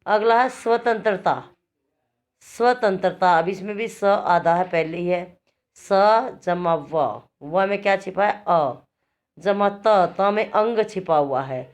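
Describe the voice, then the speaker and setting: A woman teaching a primary school class, patiently explaining and spelling words out slowly, piece by piece. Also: mid-range voice. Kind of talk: online class lesson.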